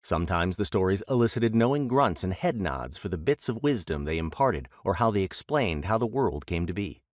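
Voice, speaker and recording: Male audiobook narrator, trickster-tale storytelling, slightly low voice, dry studio sound. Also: expressive, normal speed, no echo.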